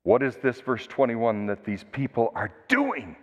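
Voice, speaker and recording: A male pastor preaching a sermon and retelling a Bible story in a conversational, animated way. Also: medium pitch, normal speed. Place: church sanctuary. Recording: dull recording with long church reverb.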